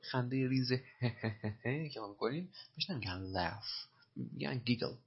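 A man's voice: medium pitch, animated, gravelly, heavy background noise. A man teaching English by explaining film lines, patiently repeating phrases and spelling words out letter by letter. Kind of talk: explaining film dialogue in a language lesson. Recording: dull lo-fi recording.

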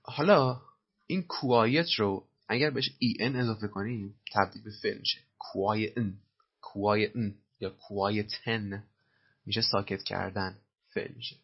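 A male teacher with a low, gravelly and somewhat husky voice walks through English film dialogue. He repeats each word slowly and spells some of them out. The recording sounds a little dull.

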